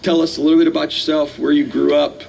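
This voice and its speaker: A man's voice: on the high side, little pitch movement, quick pace, creaky, a little mellow, slight background noise. A man, a chaplain, moderating a chapel panel in an easygoing, jokey way. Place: university chapel.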